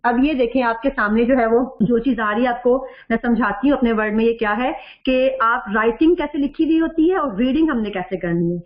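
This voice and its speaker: A woman's voice: on the high side, a little fast, hardly any pauses. Woman teacher on a muffled lo-fi recording. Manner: explanatory, asks questions of the class and then answers them herself. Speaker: Quran recitation teacher. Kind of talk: online class lecture.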